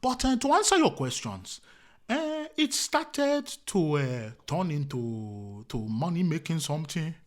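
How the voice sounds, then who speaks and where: A man's voice: a little high, sing-song, measured pace. A male comedian talking casually in an interview, earnest and repetitive, often asking himself rhetorical questions and calling the host "my brother". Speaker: comedian guest.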